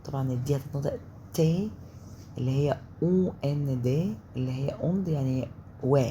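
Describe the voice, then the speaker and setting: A woman with an Egyptian Arabic accent teaching German, slowly repeating each sound for learners. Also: rumbling low, noisy background. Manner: slow repetitive letter drilling. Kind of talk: spoken language lesson.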